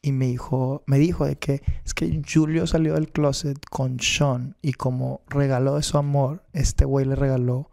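A young man with a gravelly Mexican Spanish accent tells a story on a podcast. He talks loosely and with plenty of slang, laughs often, and acts out the voices of the people in his story. His pitch sits in an ordinary middle range. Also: little pitch movement, moderate pace, few pauses, mellow. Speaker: podcast guest. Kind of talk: casual storytelling.

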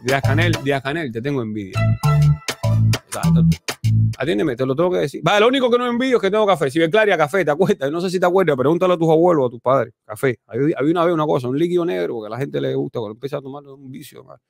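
A man with a Cuban accent hosting a casual commentary livestream, animated and talkative, swinging between loud exclamations and low mutters. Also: very fast, creaky, no room sound, soft background music. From Cuba. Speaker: host.

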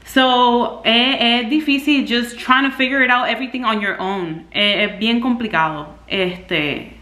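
A woman's voice: a little high, takes it slowly, pushed and bright. Candid Puerto Rican woman in an echoey room. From Puerto Rico. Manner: frank, rambling, emotional venting. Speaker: vlogger and content creator. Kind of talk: candid casual vlog talk.

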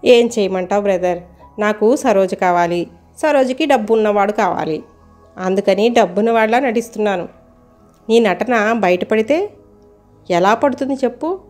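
A woman's voice: medium pitch, normal speed, long pauses, darkish tone, faint music behind, natural voice. A woman voicing a brash, hot-tempered young man who scolds and pleads with his friend, in a storybook reading. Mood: pleading.

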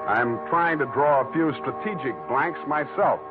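A man's voice: on the high side, a little slow, natural voice. An actor playing a wisecracking male private eye who narrates his case in a dry, sardonic 1940s radio drama style. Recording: tinny old radio broadcast with loud music.

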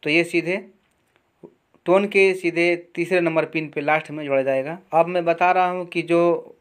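A man teaching electronics repair, explaining each wiring step slowly and with a lot of repetition at his workbench. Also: fairly high pitch, fairly even intonation, clean tone. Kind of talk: hands-on repair tutorial.

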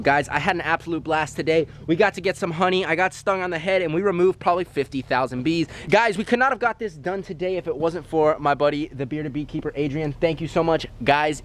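A young man hosting a vlog outdoors beside beehives, talking excitedly and emphatically to camera in a casual style. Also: a little high. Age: young adult. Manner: exclaiming, emphatic, repeats superlatives. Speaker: vlog host. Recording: noisy outdoor camera audio.

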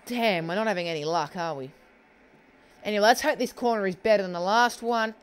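A gaming channel host giving excitable live commentary on his own football game, exclaiming and talking to himself as he plays, on a headset. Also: mid-range voice, brisk, smooth. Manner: excitable, talks to himself while playing, frequent exclamations. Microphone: headset headphones.

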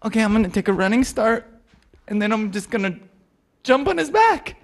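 A man voicing a tiny, timid young man who stammers in a high, frantic voice. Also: lively intonation, unhurried, fairly bright tone. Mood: nervous resolve.

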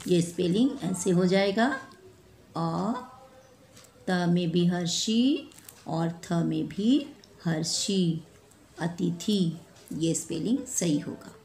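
A woman teaching a spelling lesson to children, repeating each word slowly and correcting mistakes one by one. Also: fairly low pitch, darkish tone. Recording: echoey room with faint ambient noise.

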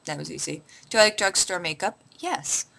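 A chatty young woman from Canada answering beauty questions in a casual vlog. Her voice is fairly low-pitched yet bright and forward, and she rambles through fillers and restarts. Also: moderate pace, gravelly. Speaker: beauty vlogger.

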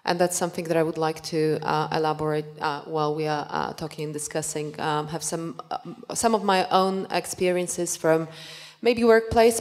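A woman in her forties speaks on a conference panel in a notably deep voice. She holds a handheld mic and hesitates often with "uh". Her delivery stays measured and plain. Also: darkish tone. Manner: hesitant, frequent uhs. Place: conference hall with audience. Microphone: handheld microphone.

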